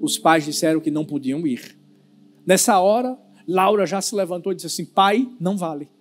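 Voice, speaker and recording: A male pastor preaching a sermon with a notably high voice. He tells stories in a lively, animated way and holds dramatic pauses for effect. Soft music runs faintly behind him.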